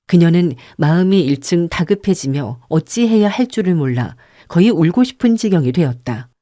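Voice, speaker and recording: Woman reading an audiobook, calm and steady, lowish warm voice, dry close sound. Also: no echo. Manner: calm, measured storytelling. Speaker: audiobook narrator and channel host. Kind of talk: audiobook narration.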